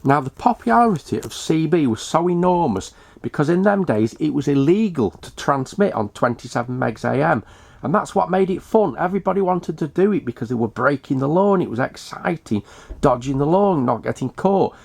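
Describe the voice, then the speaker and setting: A middle-aged British man, a hobbyist radio repairer, presents a video with an unscripted, matter-of-fact show-and-tell and some hesitation. His voice is on the high side with vocal fry, and he speaks briskly and with animation.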